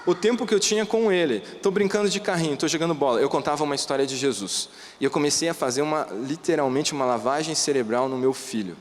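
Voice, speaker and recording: A preacher tells stories to his congregation in a lively, everyday way. His voice sits a little high for a man. It rings out with a long reverb in a church hall. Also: quick pace, hardly any pauses, slight background noise. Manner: animated storyteller, plain conversational words. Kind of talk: storytelling sermon.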